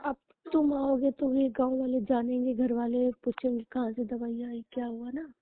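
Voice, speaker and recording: A young adult woman from rural Uttar Pradesh, India, confides plaintively to her partner in a casual, intimate phone call. Her fairly high voice is flat in delivery at a moderate pace, captured over a narrow, tinny, dry telephone line with slight background noise.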